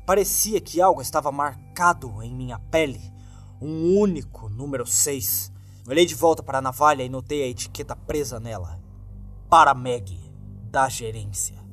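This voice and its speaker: A man with a Brazilian accent narrates a scripted horror story in a grave, dramatic manner, with music playing in the background. His mid-range voice is animated and moves at a moderate pace.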